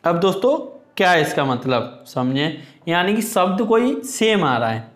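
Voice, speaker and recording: Man, grammar teacher, patient and repetitive, slightly high voice, roomy echo. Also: animated. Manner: explains slowly, addresses viewers as friends, reads examples aloud. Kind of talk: exam-prep Hindi grammar lesson.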